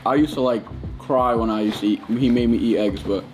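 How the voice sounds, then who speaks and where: A young man with a Queens, New York accent talks off the cuff in a casual vlog. His speech is slangy and informal, and there is clear music playing behind him. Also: mid-range voice, a little fast, a little mellow. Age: young adult. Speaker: baseball player, vlog subject.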